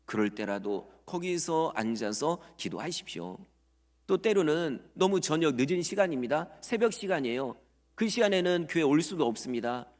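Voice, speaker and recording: Male pastor, sermon, animated pitch swings, fairly high voice, long church reverb. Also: moderate pace. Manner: lively preaching, acts out prayers and quotes in voices. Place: church sanctuary.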